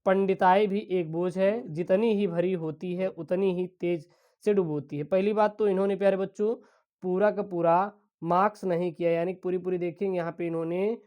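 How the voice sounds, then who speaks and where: A woman teaches an exam-prep lesson in a slightly low voice. She explains each question step by step, keeps addressing her students as dear children, and reads literary passages aloud slowly. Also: dark tone.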